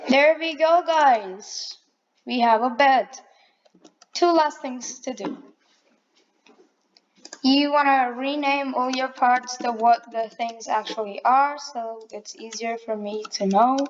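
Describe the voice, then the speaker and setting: Tutorial narrator: woman, high voice, unhurried, self-correcting asides, dull lo-fi mic. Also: slight background noise. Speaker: tutorial maker. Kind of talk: casual screen-recorded tutorial.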